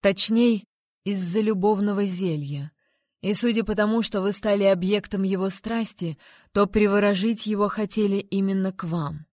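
A woman voicing a stern, gruff male court magician, muttering in a lower, quieter tone, recorded dry. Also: normal speed, no room sound, natural voice.

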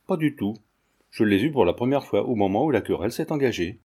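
A man's voice: on the low side, expressive, a little fast, dark tone, husky. A man voicing an earnest young man who speaks defensively, in a storybook reading.

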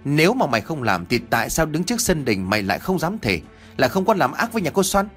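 A man voicing a gruff, hot-tempered male villager who harshly accuses another. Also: a little high, sing-song, quick pace, a bit bright, soft background music, voice pushed up, heavily acted. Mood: angry. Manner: harsh, scolding.

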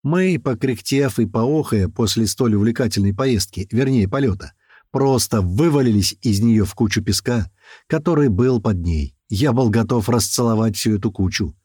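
Male narrator, mid-pitched, dry close-mic read, lively character switches. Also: moderate pace, husky, no echo. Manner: lively, raising pitch and shouting for quoted characters. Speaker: audiobook narrator. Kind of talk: first-person audiobook narration with character voices.

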